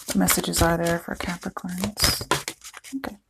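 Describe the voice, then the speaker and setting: A woman's voice: lowish voice, flat delivery, unhurried, very noisy. A woman giving a casual, chatty tarot reading to her viewers, thinking aloud as she goes, her voice cracking at times. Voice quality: voice cracking, throat clearing. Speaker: tarot reader.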